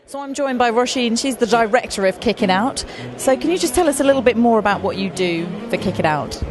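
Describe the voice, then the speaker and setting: A woman interviews a guest at an evening event, putting friendly, direct questions to her. Clear music plays behind her voice. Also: a little high, expressive, a little fast.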